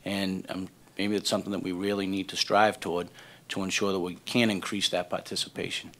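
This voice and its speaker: A man's voice: low-pitched, flat delivery, fairly quick, fairly bright tone. A man testifying as a witness at a public hearing, earnest and using fillers.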